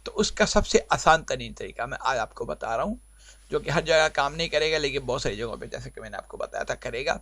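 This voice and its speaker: A man's voice: medium pitch, animated, fairly quick, a bit bright, no room sound. A man teaching a spoken English lesson, explaining patiently and answering his own questions. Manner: explains patiently, repeating points and asking himself questions.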